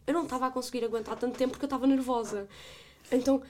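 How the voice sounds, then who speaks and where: A young woman with a European Portuguese accent, a student guest on a podcast, telling a story in an animated way and laughing often as she talks. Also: high-pitched, rapid-fire, a little hiss or hum. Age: young adult. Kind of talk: casual storytelling chat.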